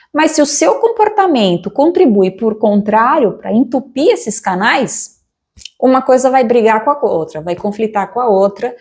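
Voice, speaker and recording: A woman giving a calm, measured recorded lesson as a yoga teacher, with careful pronunciation. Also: a little high.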